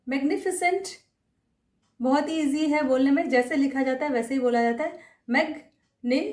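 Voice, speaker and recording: A woman teaching pronunciation in a slow, deliberate lesson, carefully repeating each word. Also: sits high, a little mellow, reverberant, far from the mic. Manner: repeats each word carefully, mixing Hindi with English terms.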